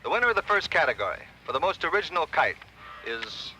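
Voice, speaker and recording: An actor playing a formal kite contest announcer, making a public address announcement heard from a distance in a 1950s TV drama. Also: male voice, a little high, sing-song, fast, sharp tone, slight background noise, full character voice. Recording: distant voice over background music.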